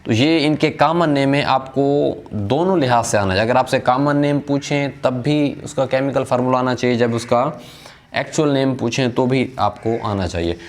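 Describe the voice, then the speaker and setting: Male chemistry teacher, mid-pitched, lecturing in a question-and-answer rhythm. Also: moderate pace. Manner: asks rhetorical questions and answers them himself; addresses the listener as brother. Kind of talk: classroom lecture.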